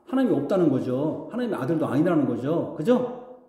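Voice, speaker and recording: A male pastor preaches with a lively, swinging delivery, firing questions at his congregation and slipping into mocking voices. His tone is mellow and rather high for a man. The sound rings with the long reverb of a church hall. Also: brisk. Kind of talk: sermon. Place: church sanctuary.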